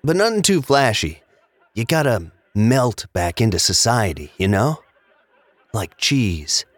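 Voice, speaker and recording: An actor playing a laid-back stoner roommate who talks in an unbothered, drawling slacker way. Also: male voice, mid-range voice, sing-song, a little slow, no echo. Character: laid-back stoner male roommate, easygoing and munchie-minded. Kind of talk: audio drama acting.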